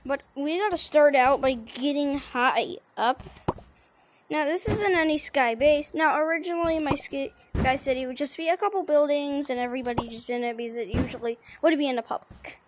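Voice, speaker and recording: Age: unknown. Sex: woman. Pitch: high. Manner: rambling, chatty, self-correcting. Style: casual gameplay commentary. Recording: noisy game capture. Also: moderate pace. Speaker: gaming video creator.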